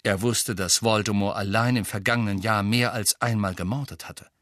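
A man narrating a novel aloud in an expressive reading style. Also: fairly low pitch, moderate pace, dry recording, clean studio sound. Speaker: audiobook narrator. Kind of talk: scripted narration.

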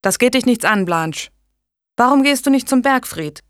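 A woman reading an audiobook, voicing a stern, angry medieval lord with a gruff, commanding manner. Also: a little high, expressive, moderate pace, no room sound, studio quality, voice pushed up, lightly acted.

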